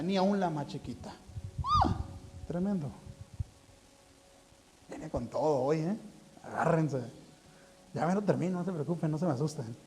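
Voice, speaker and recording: A man with a Mexican accent preaching a sermon in a church, animated and full of rhetorical questions and joking asides. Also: fairly high pitch, slight background noise. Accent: Mexican Spanish.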